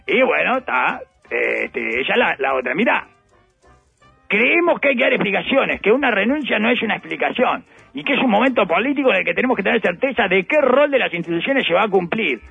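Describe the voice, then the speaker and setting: On dull, lo-fi radio audio with a dry sound, a man with a Uruguayan Spanish accent delivers satirical political commentary. His high voice is gravelly and husky, and he's ironic and rambling, full of playful asides.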